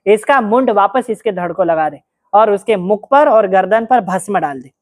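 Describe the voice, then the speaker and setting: A woman's voice: mid-range voice, expressive, normal speed, darkish tone, no echo, studio quality. A woman narrating a devotional story, vividly telling it and asking her listeners questions as she goes.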